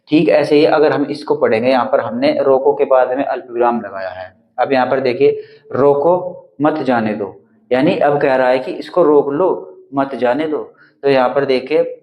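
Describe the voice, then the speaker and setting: A man's voice: mid-range voice, lo-fi sound. A man teaching an exam-prep grammar lesson and explaining step by step while pointing at written notes.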